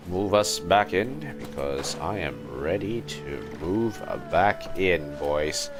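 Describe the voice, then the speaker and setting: Speaking slowly but in an animated way, a man with a deep voice provides casual commentary on a livestreamed video game. He often mutters to himself as he goes, and video game music can be heard behind him.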